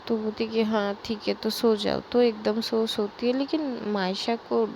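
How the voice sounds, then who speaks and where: Young woman narrator, casual unscripted storytelling, unhurried, slight fry. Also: fairly high pitch, steady tone, a little mellow, slight background noise, rough recording. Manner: slow, unscripted, with fillers and restarts.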